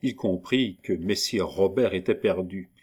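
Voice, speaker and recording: A man narrating a classic novel in a calm, measured reading. His voice sits low and even throughout. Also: slightly rough. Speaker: audiobook narrator.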